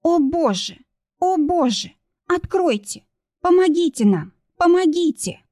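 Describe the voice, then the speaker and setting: A woman voicing a terrified young woman, crying out in shrill, frantic bursts. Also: sing-song, a little slow, warm tone, dry recording, clean studio sound, full character voice.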